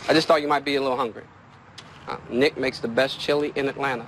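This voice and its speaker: An actor playing a kindly pastor who speaks gently and patiently to a stranger, recorded outdoors with faint street noise. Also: male voice, medium pitch, fairly even intonation, fast talker, lightly acted, poor audio. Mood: gentle. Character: kindly male pastor offering chili to a stranger.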